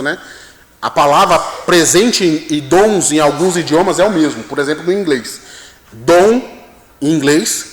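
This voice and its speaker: Man preaching a sermon, highish lively voice, big church reverb. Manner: animated preaching with frequent "amém?" and "tá?". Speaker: pastor. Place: church hall. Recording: echoey church hall, long reverb.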